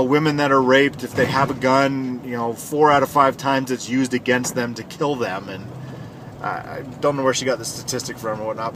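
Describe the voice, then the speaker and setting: A man's voice: medium pitch, a bit bright. A man talking casually while driving, in a rambling, conversational way with restarts. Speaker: vlogger. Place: in a car. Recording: car road noise. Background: road noise.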